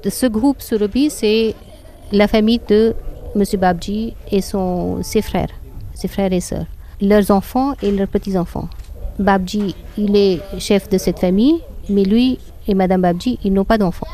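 A guide and interpreter from northern India, a native Hindi speaker, explains things casually while outdoors in a public garden. Her warm, mid-range voice is unhurried with fairly even intonation, but her speech is hesitant and full of fillers and restarts.

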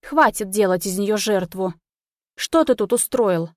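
A woman's voice: mid-range voice, lively intonation, a little slow, no room sound, clean studio sound, close to an everyday voice. Woman voicing a cold, scornful mother. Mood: harsh scorn. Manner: sharp, scornful. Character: middle-aged mother, cold and harsh.

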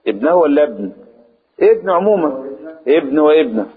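Egyptian male Quran teacher, slightly high husky voice, drawn-out recitation, lo-fi phone-like sound. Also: big pitch swings. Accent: Egyptian Arabic. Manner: explanatory, slow drawn-out recitation then fast asides. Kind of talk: religious lesson in Egyptian Arabic.

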